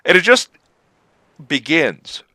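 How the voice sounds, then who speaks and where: A man co-hosting a casual gaming podcast, rambling and animated as he chats. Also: fairly high pitch, takes it slowly, dry recording. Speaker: podcast co-host.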